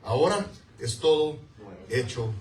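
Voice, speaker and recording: A man's voice: fairly high pitch, animated, measured pace, a little mellow, a little hiss or hum. A man preaching a sermon as pastor, emphatic and repeating key words while calling on the congregation to answer. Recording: echoey room, mic far off.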